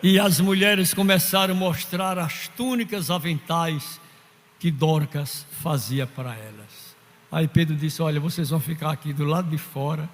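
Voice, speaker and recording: Brief: pastor, high voice, slow deliberate fervent sermon, church hall reverb. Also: male voice. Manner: fervent preaching with story-telling and quoted voices.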